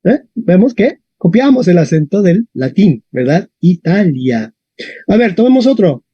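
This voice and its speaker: A man teaching a classroom lesson, talking in a lively way and often adding tag questions. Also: sits high, moderate pace, slightly rough, no room sound. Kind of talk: classroom lesson on Latin stress. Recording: dull, dry lo-fi sound.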